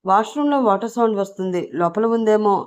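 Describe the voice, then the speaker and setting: A woman's voice: mid-range voice, expressive, darkish tone, natural voice. A woman voicing a nervous young woman who hurriedly explains herself to cover a secret. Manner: flustered, quick explaining.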